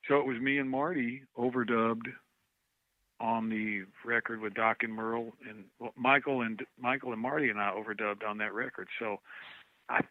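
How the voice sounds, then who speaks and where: A man talks over a thin, tinny phone line that sounds close and dry. He tells rambling, animated stories and keeps circling back to names he can't recall. His voice sits at an ordinary middle pitch. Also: moderate pace, no room sound. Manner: rambling, animated storyteller, loses track of names. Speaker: guest musician on a call. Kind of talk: casual phone chat.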